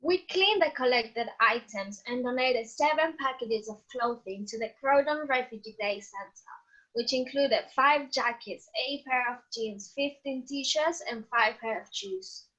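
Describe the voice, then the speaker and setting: A woman's voice: a little high, a little slow, a bit bright, muffled recording. A woman who is a student presenter, reading a prepared script for a presentation.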